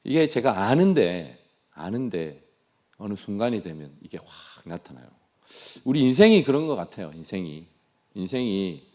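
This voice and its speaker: Gyeongsang-accented man preaching with lively pitch. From Daegu, South Korea. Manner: earnest, self-deprecating, repeats phrases. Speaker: missionary. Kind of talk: sermon testimony.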